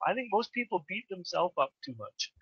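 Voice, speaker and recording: A woman's voice: fairly low pitch, expressive, brisk, husky, dry recording. A woman hosting a spiritual interview, asking earnest questions and often restarting her sentences. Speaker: host. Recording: dull, muffled lo-fi sound.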